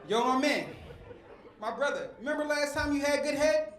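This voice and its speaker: With an extremely high pitch, lively intonation and a bit of brightness, a middle-aged comedian from West Philadelphia delivers a stand-up set at a moderate pace. He works the crowd in a preacher-like cadence, recorded in an echoey club with the audience faintly audible.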